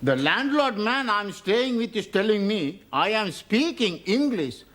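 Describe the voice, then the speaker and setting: A man's voice: high voice, big pitch swings, a little slow, a bit bright, full character voice. An actor playing a formal, flowery male student who speaks ornate, slightly broken English.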